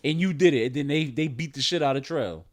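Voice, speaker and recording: A man's voice: medium pitch, quick pace. A man, co-hosting a casual podcast chat, telling stories with acted-out voices and frequent laughter. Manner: animated storyteller, acts out voices, laughs often. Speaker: podcast co-host.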